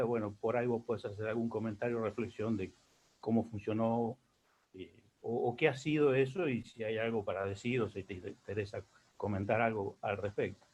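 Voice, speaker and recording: Halting Argentine man moderating online. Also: medium pitch, darkish tone, muffled recording. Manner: halting, searching for words. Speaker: host. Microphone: video call.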